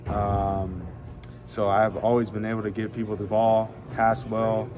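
Speaking at a measured pace in a fairly low voice, a young male college basketball player talks to reporters in a postgame scrum in an arena hallway. His answers wander casually, with many fillers and restarts. The highs are cut off, and hallway crowd noise carries through.

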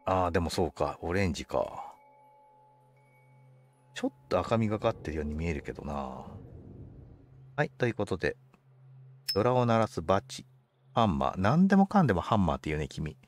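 A man's voice: low-pitched, very animated, fairly quick, pauses often, faint music behind. A man commentating on a game for a livestream, politely musing aloud to himself in casual chat. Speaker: game streamer.

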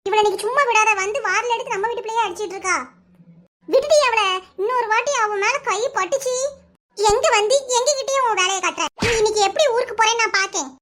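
A woman doing a shrill fierce village woman. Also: fast, crowd noise. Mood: scolding. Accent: Kanyakumari Tamil. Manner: loud scolding, threatening.

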